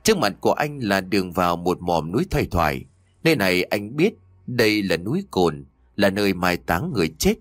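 Low-voiced man narrating a ghost story. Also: brisk, dry recording, clean studio sound. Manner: steady, suspenseful reading. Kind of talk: scripted horror story narration.

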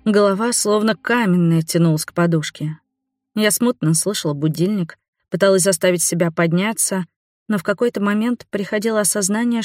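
A young adult woman narrating a first-person audiobook in an even storytelling manner. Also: lowish voice, dry recording, clean studio sound.

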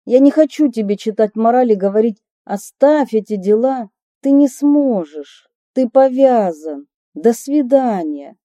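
Warm, dark-voiced woman reading a memoir. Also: on the high side, animated, measured pace, few pauses, dry recording. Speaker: narrator of her own memoir.

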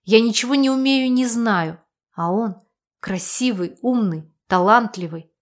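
A woman narrating a first-person novel as an audiobook, in an expressive, emotional reading. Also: on the high side, a little slow.

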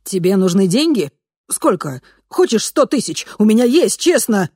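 A woman's voice: medium pitch, big pitch swings, moderate pace, warm tone, slightly rough, dry recording, studio quality, pitched above the performer's own voice. A woman reading an audiobook, voicing a bossy, heavyset middle-aged woman with a brusque, domineering manner. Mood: pleading. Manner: brusque, domineering, then panicky pleading.

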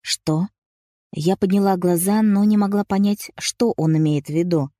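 A woman's voice: mid-range voice, normal speed, mellow, no echo, studio quality. A woman narrating a first-person audiobook story with dramatic, emotional delivery.

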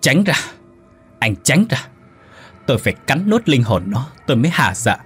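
A man's voice: medium pitch, very animated, quick pace, breathy edge, faint music behind. A man voicing a vengeful young female ghost who screams her demands in a storytelling narration. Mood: furious.

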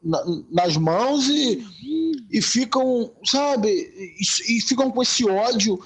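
A man from Brazil in a casual podcast discussion, talking in halting bursts with many restarts. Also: very high-pitched, rough recording. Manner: halting, many repeated words and restarts, heated. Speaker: podcast co-host.

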